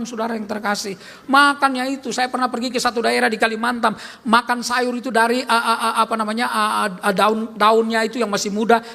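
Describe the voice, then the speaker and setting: A pastor preaching a sermon at a church service, animated, swinging from loud calls to quiet asides and often turning to the congregation. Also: male voice, extremely high pitch, creaky. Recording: long church-hall reverb.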